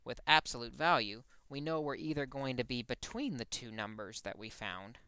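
A man explains a math lesson step by step, his voice smooth but a little gravelly at the edges. He is recorded close and dry, with no room sound around him. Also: mid-range voice, lively intonation, normal speed, pushed and bright, no room sound. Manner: explains step by step, corrects his own slip. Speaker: math teacher.

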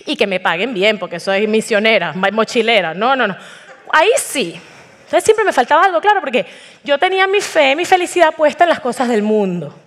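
A woman's voice: a little high, animated, a little fast. A woman giving a chatty, self-mocking testimony talk on an auditorium stage before a live audience, acting out the voices in her quotes. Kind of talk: humorous personal testimony talk.

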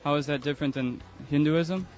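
Man in an outdoor debate, earnest, calm, a bit high-pitched, muffled lo-fi audio. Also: brisk, soft background music. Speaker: passerby in a religious debate. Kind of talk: street debate. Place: outdoors on a city street.

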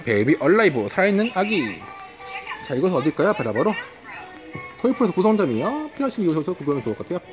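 A woman with a deep voice chats through a toy review, exclaiming in wonder at each new find. Her pitch leaps and dips with lively swings. Music plays clearly behind her. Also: rapid-fire. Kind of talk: excited toy review vlog. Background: background music.

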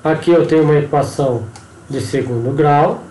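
A man's voice: on the high side, moderate pace, mellow, roomy sound, slight background noise, low-quality recording. A man with a Brazilian Portuguese accent, working through a worked engineering problem on screen and checking in often with the listener. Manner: explanatory, frequent tag questions and pointing words. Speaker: engineering instructor. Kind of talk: screen-recorded tutorial walkthrough.

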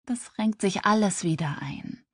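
Comforting best friend, gentle and level-headed, as a female narrator plays her. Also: medium pitch, a little slow, slightly rough, no echo, clean studio sound, voice pushed up. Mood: soothing. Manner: soothing, gentle. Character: calm, pragmatic, comforting woman friend.

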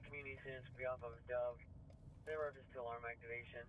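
Fast, tinny police radio dispatcher, a man. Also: medium pitch, level tone. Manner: clipped, rapid dispatch calls. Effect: police radio transmission. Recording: tinny radio with faint hiss.

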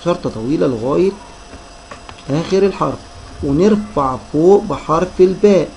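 A man with an Egyptian Arabic accent teaching a children's reading lesson, sounding out syllables slowly and addressing the kids as friends. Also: on the high side, lively intonation, gravelly, a little mellow, slight background noise, rough recording.

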